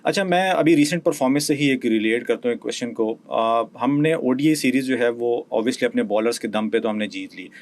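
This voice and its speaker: A Pakistani man hosting a podcast, quietly agreeing with his guest and then asking long questions in a casual, personal way. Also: brisk, few pauses. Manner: low-key, keeps agreeing with short murmurs. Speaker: podcast host. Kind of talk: podcast interview.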